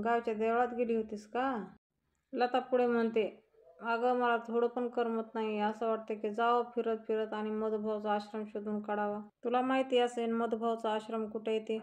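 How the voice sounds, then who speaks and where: Woman, voice-over recap narrator, retells scenes and reads the characters' lines herself; monotone delivery. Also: a little high.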